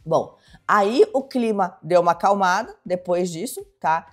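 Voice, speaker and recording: A woman's voice: fairly low pitch, lively intonation, a little slow. Chatty woman gossiping over faint music. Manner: chatty, dramatic storyteller. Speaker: host. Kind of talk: reality show gossip recap.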